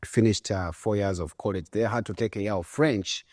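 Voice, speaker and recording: A man in his forties who grew up in Uganda, a guest entrepreneur answering interview questions in a relaxed, thoughtful way with frequent fillers. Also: fairly low pitch, normal speed, no echo, clean studio sound. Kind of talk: conversational interview.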